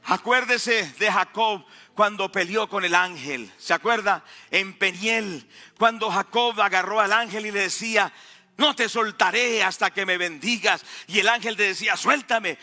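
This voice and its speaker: A male pastor with a high voice preaching in a church hall. His tone is piercingly bright and fervent, and he swells into shouted pleas before dropping low and quiet. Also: unhurried. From Colombia. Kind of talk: sermon.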